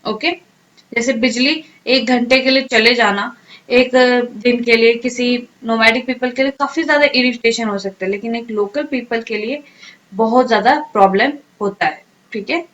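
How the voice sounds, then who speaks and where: A woman teaching English vocabulary in a drill lesson, asking each question and then answering it, and sounding words out slowly syllable by syllable. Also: fairly high pitch, fairly bright tone, lo-fi sound. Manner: repeats questions and answers, slow drilled pronunciation.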